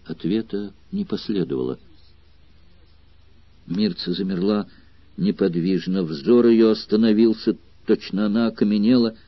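A man's voice: fairly low pitch, a little slow, pauses often, no room sound, muffled recording. Man reading a dramatic novel aloud. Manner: steady, dramatic literary reading. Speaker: audiobook reader. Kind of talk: scripted narration.

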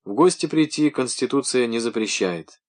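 A man reading an audiobook voices a headstrong young woman who gives shrill commands. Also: expressive, moderate pace, natural voice. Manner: shrill, bossy.

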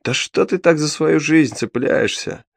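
A man's voice: medium pitch, measured pace, darkish tone, no room sound, studio quality, natural voice. A man voicing a sly, mocking male imp with a horned devil's gleeful, taunting manner in an audiobook. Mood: scornful. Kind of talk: audiobook character voice.

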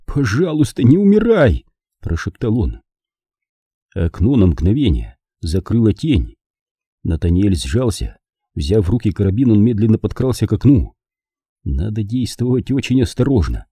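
A man narrating an audiobook as a measured, dramatic reading on a close studio mic. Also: on the low side, big pitch swings, dark tone, slightly rough, dry recording. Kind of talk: scripted narration.

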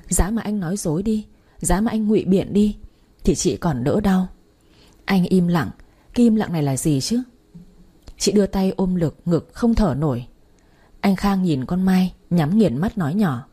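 Husky woman narrating a drama story. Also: on the low side, expressive, moderate pace, dark tone.

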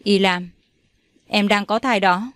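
A young older brother trying to calm his angry father and frantic sister, as a woman reads him. He talks gently and soothingly, in the dry, close sound of an audio storybook. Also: medium pitch, slow pace, no room sound.

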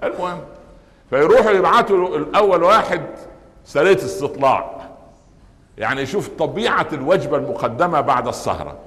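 An older man preaching with an Egyptian Arabic accent, animated and joking, often asking the audience questions and answering them himself. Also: on the high side, brisk. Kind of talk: lively sermon in Egyptian Arabic. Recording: long hall reverb.

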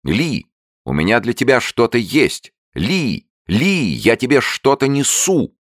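A man reading an audiobook and voicing a brash young man who shows off his courage, bold and chivalrous, sharp when challenged. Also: mid-range voice, very animated, takes it slowly, dry recording, clean studio sound, pitched above the performer's own voice. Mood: gallant.

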